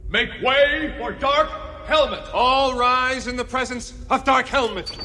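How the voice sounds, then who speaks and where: A man playing a pompous military herald in a space comedy film, calling out formal announcements loudly. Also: very high voice, exaggerated voice. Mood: pompous, commanding. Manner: loud, formal, drawn-out announcing. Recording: noisy clip with long hall reverb.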